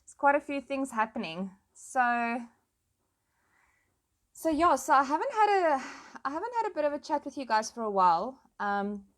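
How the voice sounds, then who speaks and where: A South African woman hosts a casual chat with her online followers, switching between languages as she goes. Her high, sing-song voice moves at a normal speed, and her manner is informal, plain-spoken and emphatic.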